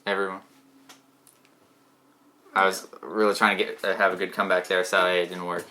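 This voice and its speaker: A man's voice: low-pitched, level tone, fairly quick, pushed and bright. A man co-hosting a casual chat show, joking and rambling as he teases his co-host.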